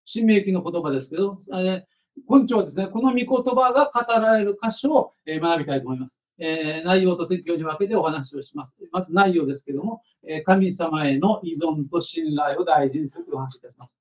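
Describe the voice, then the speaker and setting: Male pastor, high voice, earnest conversational sermon, lots of fillers, mic set back from him. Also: a little fast, distant mic, poor audio. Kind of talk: sermon with opening prayer.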